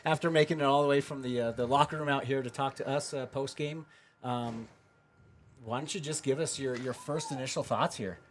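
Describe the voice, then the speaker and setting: A man hosting a postgame show, talking haltingly with many fillers. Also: mid-range voice, slight background noise. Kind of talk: postgame interview.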